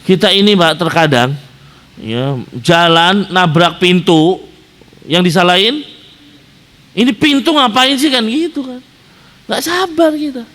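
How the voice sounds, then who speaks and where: A man's voice: high-pitched, measured pace, pauses often. Man preaching in a reverberant hall. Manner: animated storytelling, rhetorical questions to the audience. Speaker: Islamic preacher. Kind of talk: sermon.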